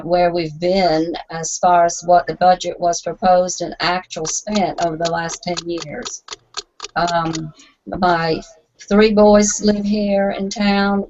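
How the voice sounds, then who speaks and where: Woman on a video call, halting. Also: fairly low pitch, darkish tone, muffled recording. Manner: halting, with many fillers and restarts. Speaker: mayoral candidate. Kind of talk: answering a forum question.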